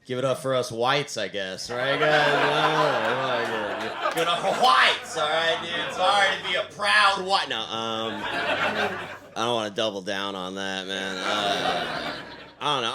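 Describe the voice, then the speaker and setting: Young guy doing stand-up, bright voice that bounces all over, deadpan, keeps asking all right?, faint noise behind. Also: fairly low pitch. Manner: deadpan, filler-heavy, tags lines with "all right?". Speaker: stand-up comedian. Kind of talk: stand-up set.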